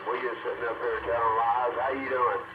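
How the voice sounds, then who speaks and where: A man's voice: medium pitch, flat delivery, brisk, phone-quality sound. Guy on a cb radio, echoey and heavy with static, drawling and easygoing. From Jacksonville, Florida area. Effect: CB radio transmission. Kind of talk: CB radio chatter. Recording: echoey, hissy CB radio transmission.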